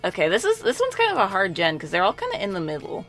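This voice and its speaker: A woman's voice: mid-range voice, wildly swooping pitch, fast talker, a bit bright, faint music behind. A woman bantering casually as a co-host, with brief, understated replies. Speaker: co-host ranking Pokémon on a stream.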